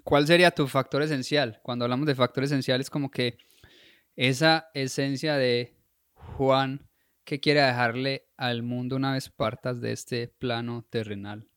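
A male podcast host asking calm, reflective questions. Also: mid-range voice, normal speed, clear, resonant tone, dry recording, clean studio sound. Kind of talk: interview.

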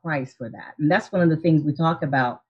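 A woman's voice: sits low, a little fast, husky, muffled recording. A woman in her forties from Haiti, an optometrist, telling her story in an earnest, reflective way over a video call. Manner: earnest, reflective, with frequent restarts and soft laughs. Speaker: optometrist and practice owner, guest. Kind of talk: casual interview storytelling.

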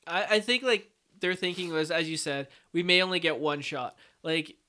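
A man on a film podcast panel, chatting casually in a rambling, jokey, excited way. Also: on the high side, moderate pace.

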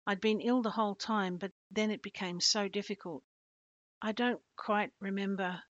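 A woman voicing an earnest young girl recalling a past life, in a quietly pleading way, on a dull, dry recording. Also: medium pitch, steady tone, moderate pace, no echo, close to an everyday voice.

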